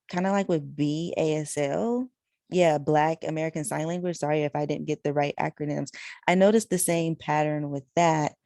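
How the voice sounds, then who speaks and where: Low, mellow-voiced woman interpreter. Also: no echo, studio quality. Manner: relaying speakers in third person with fillers. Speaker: sign language interpreter. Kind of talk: voicing signed conversation.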